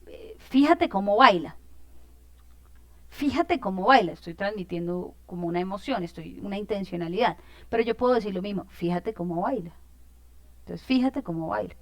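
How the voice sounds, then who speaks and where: A woman's voice: fairly low pitch, darkish tone, no room sound. A woman teacher, explaining a lesson in an informal way, with many fillers and check-in questions.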